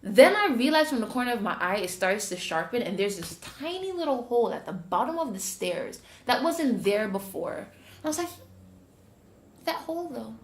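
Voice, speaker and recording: With a slightly high voice at normal speed, a woman hosting a podcast shares a story in casual conversation, her Jamaican accent clear. She animatedly voices the characters while retelling it. There's slight background noise and a roomy echo.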